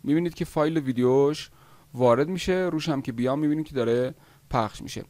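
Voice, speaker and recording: A man teaching video editing software step by step in a screen-recorded tutorial, pausing often with "uh" as he explains. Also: medium pitch, no room sound. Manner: step-by-step explaining, with frequent "uh" pauses.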